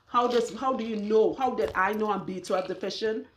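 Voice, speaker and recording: A chatty, outspoken woman talks straight to her viewers in a mid-pitched voice, laughing easily. She is blunt and down to earth. A faint hiss of noise sits under her voice. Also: normal speed. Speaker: loc stylist sharing her regimen. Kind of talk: casual talk to camera.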